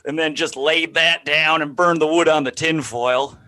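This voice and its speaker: Man, co-host, bright ringing voice, slightly high, animated storyteller. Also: normal speed. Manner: animated storytelling, jumps in pitch when quoting others. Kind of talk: casual podcast banter.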